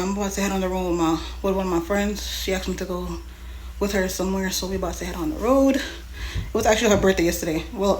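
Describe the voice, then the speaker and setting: Creaky-voiced woman vlogger, casual and slangy. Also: medium pitch, low-quality recording. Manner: informal, slangy, addressing viewers directly. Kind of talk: casual chatty vlog. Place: partly inside a car. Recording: clear background noise, car ambience.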